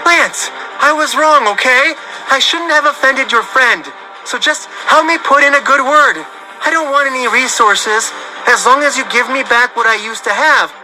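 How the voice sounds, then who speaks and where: A man voicing a spoiled, furious young actress who shouts and begs. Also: moderate pace, soft background music, heavily acted. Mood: pleading. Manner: shrill shouting.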